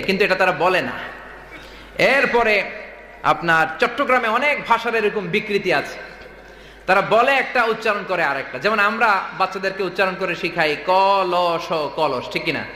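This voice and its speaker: A man's voice: high-pitched, pushed and bright. A man preaching a humorous sermon to a large gathering. He jokes, mimics regional dialects and keeps asking the crowd to answer him. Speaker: Islamic preacher. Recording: echoey hall with long reverb, faint noise.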